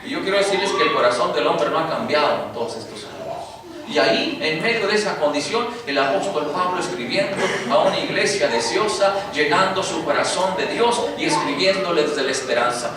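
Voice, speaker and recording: High-voiced preacher in an echoing church. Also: male voice, animated, a little fast, crowd noise. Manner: preaching with rhetorical questions, addressing the congregation directly. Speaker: pastor. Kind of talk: sermon. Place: church sanctuary. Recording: echoey church, distant mic, background noise.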